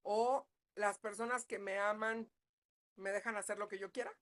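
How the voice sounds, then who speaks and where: A woman leads a parenting class as a psychologist. She talks in a relaxed, conversational way and keeps checking in with her listeners. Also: mid-range voice, moderate pace. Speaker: psychologist leading a parenting talk. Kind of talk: live online parenting class.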